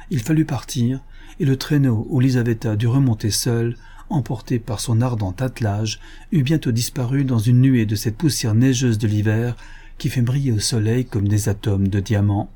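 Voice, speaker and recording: Dark husky male audiobook narrator. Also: medium pitch. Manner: measured literary reading. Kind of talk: scripted narration.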